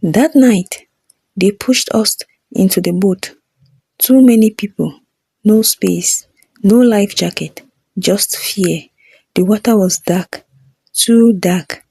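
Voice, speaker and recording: A woman narrating a scripted first-person story in a solemn, measured way. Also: medium pitch, a little mellow, breathy edge, no room sound.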